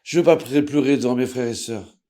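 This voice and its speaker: A man, a rabbi, telling a story aloud with drama, acting out the people in it and swinging from hushed to loud. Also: medium pitch, normal speed. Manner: dramatic, voices characters with big swings in loudness. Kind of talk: emotional spoken storytelling.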